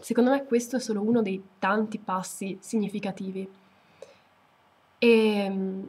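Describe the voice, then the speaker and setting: A woman's voice: medium pitch, darkish tone, breathy edge. A woman commenting thoughtfully on a book she has just read aloud, with small hesitations. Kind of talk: reflective commentary after reading aloud.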